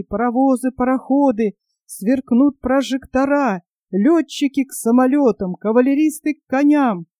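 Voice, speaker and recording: A woman's voice: on the high side, dark tone, dry recording. A woman doing a fiery young pioneer boy. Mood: rousing. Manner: rousing, then mocking.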